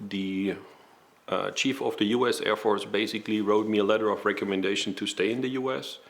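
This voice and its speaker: Low gravelly German-accented man. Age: 40s. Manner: measured, pausing with fillers. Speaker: pilot and flight school owner. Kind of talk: documentary interview.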